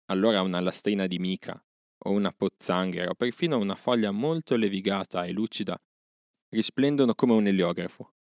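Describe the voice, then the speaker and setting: A man narrating a classic jungle story as an audiobook in a steady, even storytelling manner. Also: low-pitched, brisk, dry recording, studio quality.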